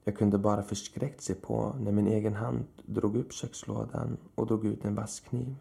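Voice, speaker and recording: A man narrating a horror story in a slow, measured way. His voice is low and heavily gravelly, with a dark, muffled tone that suits the dread of the tale. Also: flat delivery.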